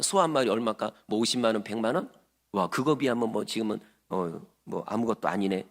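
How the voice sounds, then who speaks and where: Emphatic preacher man in a reverberant hall. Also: fairly high pitch. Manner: emphatic, swings from loud to hushed, acts out churchgoers' lines. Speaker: pastor. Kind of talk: sermon.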